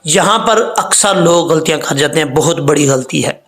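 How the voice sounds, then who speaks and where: Guy teaching quran reading, high gravelly voice, roomy echo, breaks words down slow. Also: a bit bright. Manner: explains rules patiently, then chants words slowly to model them. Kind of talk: teaching correct Quran pronunciation.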